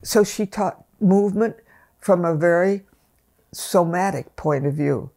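A woman's voice: fairly low pitch, measured pace, creaky, dark tone. An elderly woman and dance teacher, reflectively telling stories in a sit-down interview at home and often restarting her sentences. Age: older. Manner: reflective storytelling with frequent restarts. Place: wood-panelled room at home, indoors. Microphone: close interview camera framing.

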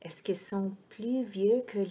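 A woman reading a storybook aloud, voicing a curious, easily worried small child who keeps asking high, anxious questions. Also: slow, mellow, natural voice. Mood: fretful.

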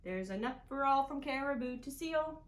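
A children's librarian, a young adult woman, leads a picture-book storytime with a high-pitched, animated voice at normal speed, encouraging the kids and inviting them to join in. Her read-aloud is partly sing-song. She sits on a couch in a small indoor room, recorded by a camera a few feet away, and the room is echoey with some background noise.

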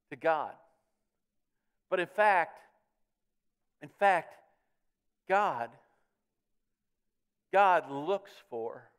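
Earnest high-voiced man preaching. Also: a bit bright, smooth. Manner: earnest preaching with frequent word repeats, swelling on key words. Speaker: pastor. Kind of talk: sermon. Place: church sanctuary.

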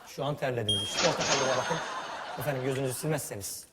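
A man's voice: mid-range voice, rapid-fire. A man acting as a bossy mock film director, mock-formal and pompous, laughing as he gives orders. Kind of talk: comic improvised sketch. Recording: reverberant hall with loud background noise.

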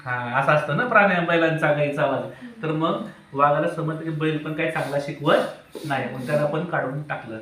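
A man's voice: on the high side, normal speed, fairly bright tone, a little hiss or hum. A man teaching a classroom of children, asking them questions and prompting answers. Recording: very echoey room, voice from far off.

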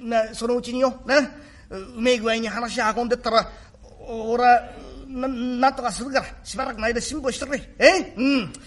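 A man playing a remorseful rough working-class father, gruff yet tender, in old Tokyo shitamachi speech. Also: very high-pitched, a little fast, fairly bright tone. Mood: apologetic. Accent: Tokyo shitamachi (Edo). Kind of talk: rakugo storytelling.

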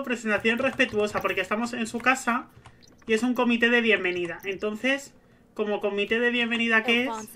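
Bright-voiced woman. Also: mid-range voice. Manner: chatty, narrates her own moves aloud. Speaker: gaming streamer. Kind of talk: casual gameplay commentary.

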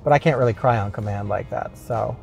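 A man's voice: fairly low pitch, a little fast, gravelly, a little mellow, soft background music. A man hosting his own vlog, complaining in a rambling, self-mocking way with many restarts while driving his car. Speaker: vlog host. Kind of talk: casual comedic rant.

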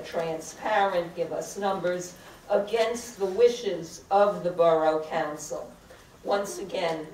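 Speaking as a resident at a council meeting's public comment, this older woman is slow and deliberate, stumbling over many "uh" fillers. Her voice sits lowish and a little mellow. A distant camera catches her podium mic in the large, crowded, echoey chamber, with a faint hiss or hum.

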